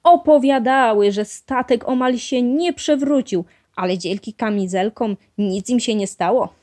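Slow-reading woman storyteller. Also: on the high side, darkish tone. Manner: clear and measured. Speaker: storybook reader. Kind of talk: children's story read-aloud.

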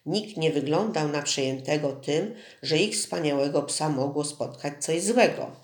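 An audiobook narrator reading a story in a steady, measured way. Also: medium pitch, a little hiss or hum. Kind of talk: scripted narration. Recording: roomy echo.

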